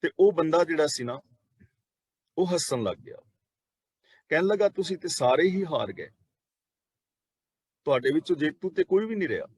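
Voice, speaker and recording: A man's voice: on the high side, lively intonation, darkish tone, breathy edge, no room sound. Man giving scripture exposition. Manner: slow deliberate recitation of verses between explanations. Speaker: Sikh preacher explaining scripture.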